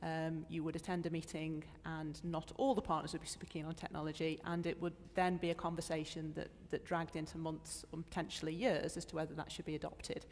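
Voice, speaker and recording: Low-voiced woman advising on a panel. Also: flat delivery, brisk, hardly any pauses, a little mellow, slight background noise. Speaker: panelist, legal technology adviser. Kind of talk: panel discussion. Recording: reverberant conference hall.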